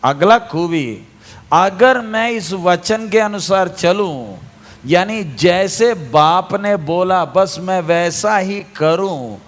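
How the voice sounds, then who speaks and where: A man's voice: high voice, expressive, slow pace. A male preacher delivering a sermon, firing questions at the congregation and repeating key phrases for emphasis. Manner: asks the congregation questions and waits for answers.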